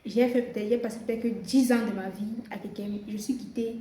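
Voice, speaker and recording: A woman's voice: mid-range voice, steady tone, fairly quick, mellow. A young woman with a Cameroonian French accent gives earnest casual commentary to her viewers, often repeating words as she searches for them. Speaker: social media content creator. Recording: roomy echo, faint background noise.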